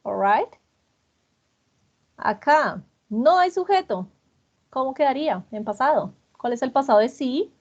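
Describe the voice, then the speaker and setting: A woman with a fairly high, husky voice leads a grammar lesson. She patiently repeats each student's answer and encourages them. The recording sounds dull and lo-fi. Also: animated, unhurried, long pauses, a little mellow. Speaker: English teacher.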